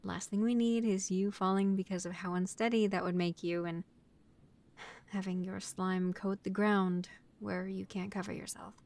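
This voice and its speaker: A woman voices a bossy, exasperated vampire college student in a scripted audio drama, her mid-range tone steady, a little mellow and close to everyday speech, at a moderate pace. She runs things in an orderly, considerate, matter-of-fact way, like someone leading a meeting.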